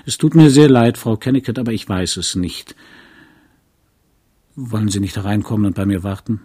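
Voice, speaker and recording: A man reading the part of a lonely, bookish small-town lawyer who speaks in a dry, wry and courteous way, in a low, husky voice. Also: moderate pace, dark tone.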